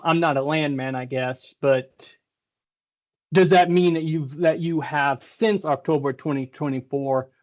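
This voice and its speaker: A man's voice: medium pitch, creaky, a little mellow, highs cut off. Hesitant man questioning over a video call. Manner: hesitant, careful questioning with many pauses. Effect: heard over a video call. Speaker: technical examiner at a hearing. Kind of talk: formal questioning of a witness.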